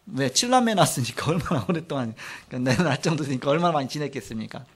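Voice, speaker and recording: A middle-aged man preaching a sermon, telling a personal testimony in an animated storytelling way. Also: on the high side, very fast, husky. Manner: animated storytelling, acts out quotes, frequent trailing "like this". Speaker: pastor.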